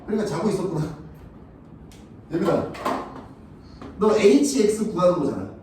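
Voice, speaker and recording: A man's voice: high voice, lively intonation, normal speed, a little mellow, distant mic, a little hiss or hum. Blunt, profane male math teacher, echoey classroom. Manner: blunt, crude and profane, keeps checking if students follow.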